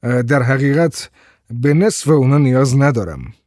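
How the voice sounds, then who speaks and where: A man voicing a polite, calm male motorist who speaks evenly and courteously. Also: mid-range voice, no echo, studio quality, lightly acted.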